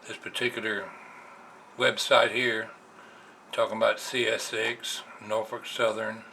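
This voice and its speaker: Fairly low and gravelly yet bright, his voice is forceful, with a flat delivery at a measured pace. The American man is a hobbyist vlogger giving a casual, plain explanation while at a computer indoors. A camera's built-in microphone captures it in a noisy, amateur recording.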